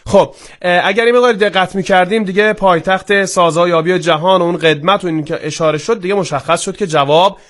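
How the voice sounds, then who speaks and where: A man with a high-pitched voice runs a live quiz show on air. He talks briskly, slowing down for scores and rushing through asides, and fills pauses with long drawn-out sounds. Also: steady tone, fairly bright tone. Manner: brisk, pace swinging from slow to quick. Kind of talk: live broadcast quiz hosting.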